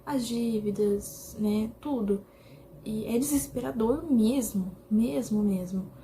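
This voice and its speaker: A young woman from Brazil tells her personal story to the camera in a mellow, warm voice. Her delivery is emotional and halting, with many repetitions. A faint noise sits under the recording. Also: on the high side. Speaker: vlogger.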